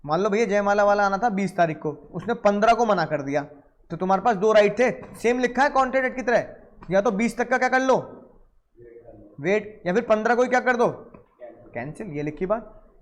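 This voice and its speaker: High-voiced law teacher, playful. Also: male voice, expressive. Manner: playful, acts out buyers and sellers in quick asides. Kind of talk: lively classroom lecture.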